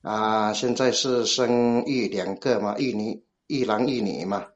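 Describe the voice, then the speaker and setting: A man's voice: lowish voice, a little slow. A man in his forties from Guangdong with a Cantonese accent in Mandarin, calling in for advice in casual, hesitant, roundabout phrasing. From Guangdong, China. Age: 40s. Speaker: call-in guest seeking advice. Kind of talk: casual chat. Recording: dull lo-fi call audio.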